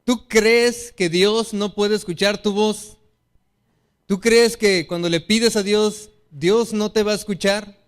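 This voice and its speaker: High-voiced earnest man preaching a sermon. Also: steady tone, takes it slowly, clean tone. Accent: Mexican Spanish. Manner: earnest, appeals to the congregation as brothers; acts out excuses and dialogue in quotes.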